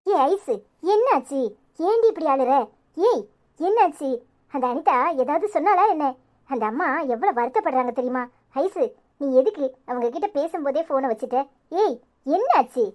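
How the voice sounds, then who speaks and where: Here is a woman voicing a caring young friend in a cartoon with a Tirunelveli accent. The voice is high but calm. She soothes and reassures in a steady, gentle way. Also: moderate pace. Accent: Tirunelveli Tamil.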